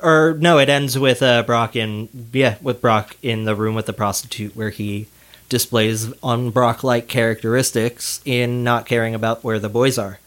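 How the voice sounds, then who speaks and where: A man co-hosting a podcast in an easygoing chat. His voice sits at an ordinary middle pitch, and he keeps things loose with quick laughs and casual swearing. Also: fairly even intonation, fairly bright tone. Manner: laid-back, laughing often, casual swearing. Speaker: podcast co-host.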